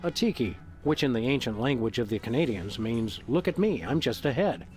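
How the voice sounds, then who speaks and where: An actor voicing a deadpan dog detective in a video game, delivering dry quips. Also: male voice, mid-range voice, a little fast, faint music behind, natural voice.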